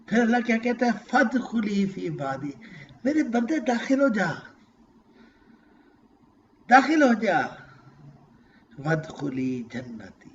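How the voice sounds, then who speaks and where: Animated male lecturer, high lively voice. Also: pauses often, muffled recording, a little hiss or hum. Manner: emotional, swings from loud to hushed, quotes verses in Arabic. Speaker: Quran lecturer. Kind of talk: religious lecture.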